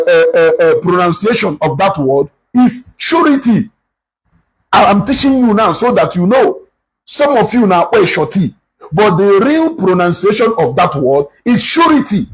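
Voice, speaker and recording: A man's voice: sits high, slightly rough, rough recording. A Nigerian man with an Igbo accent hosting a live stream, lecturing his viewers and switching between English and Igbo. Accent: Nigerian, Igbo-speaking. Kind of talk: casual live-stream commentary.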